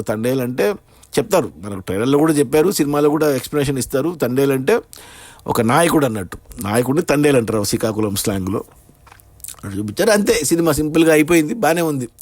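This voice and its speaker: A man's voice: fairly high pitch, a little mellow, no room sound. A man giving a casual, rambling spoken film review, with frequent fillers and restarts.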